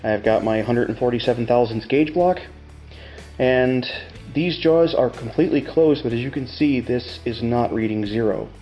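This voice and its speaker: A man's voice: medium pitch, normal speed, warm tone, muffled recording, soft background music. A middle-aged man explaining step by step like a plain-spoken machinist, in a casual hands-on tutorial. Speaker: tutorial host demonstrating measuring tools.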